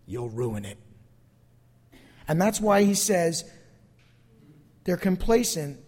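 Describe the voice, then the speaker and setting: Slow and sing-song, this high-pitched, darkish male voice belongs to a pastor delivering a sermon, conversational but emphatic, with repeated phrases and a closing prayer. Long hall reverb surrounds the congregation recording.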